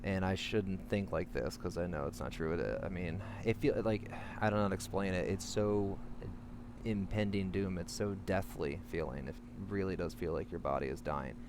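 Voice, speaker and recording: Man, low voice, anxious mid-panic vlogger giving personal advice, halting delivery, noisy humming recording. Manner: halting, rambling, trailing into self-corrections. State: in the midst of a panic attack, anxious. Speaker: vlogger sharing panic attack coping advice. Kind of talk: candid talk to camera, personal advice. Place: outdoors. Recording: clearly noisy, humming background.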